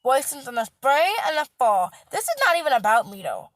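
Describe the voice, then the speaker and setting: A woman's voice: high voice, sing-song, fairly quick. A woman healthcare worker, ranting emphatically in a casual vlog and repeating her points. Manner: emphatic, repetitive, stressing words loudly.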